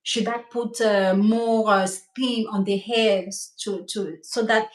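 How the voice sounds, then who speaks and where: With a steady, medium-pitched voice and a slow pace, a middle-aged woman from Cameroon teaches hair care on a live stream in French, her native language, with a Cameroonian French accent. The hair coach and cosmetologist is enthusiastic and keeps checking on her listeners; the sound is roomy.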